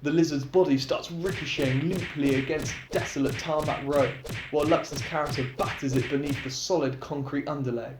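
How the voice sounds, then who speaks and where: A man's voice: fairly high pitch, fairly even intonation, brisk, noisy background. Chatty man reading his own story. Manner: casual, chatty, laughs between chapters. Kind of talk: storytelling narration with asides. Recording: echoey room.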